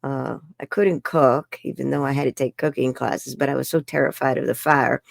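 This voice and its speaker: A woman's voice: extremely low pitch, steady tone, normal speed, gravelly, no echo, clean studio sound. A woman, telling her life story frankly as an interview guest and laughing often. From New York. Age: 70s. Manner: frank and chatty, laughs often, says "bloody". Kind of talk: candid personal storytelling in an interview.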